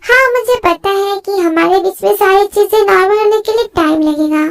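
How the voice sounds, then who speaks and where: A woman voicing a gentle young husband who speaks softly and coaxingly. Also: very high voice, moderate pace.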